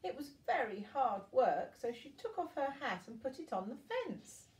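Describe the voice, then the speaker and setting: An older woman with a high voice reads a storybook aloud to young children at a normal pace, her pitch swinging widely like a grandmother at bedtime, adding little asides to her listeners. She sounds distant from the mic in a room with echo.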